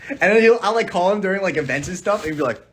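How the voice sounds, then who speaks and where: A man's voice: high-pitched, expressive, racing, slight background noise. A young man chatting casually on a phone livestream, playful and giggly. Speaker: livestream host.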